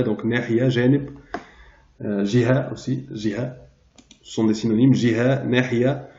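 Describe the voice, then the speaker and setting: A man teaching a translation lesson, pausing often and searching aloud for the right word. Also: medium pitch, vocal fry, a little mellow. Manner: hesitant, searching aloud for words. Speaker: Arabic teacher. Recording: roomy, dull lo-fi sound.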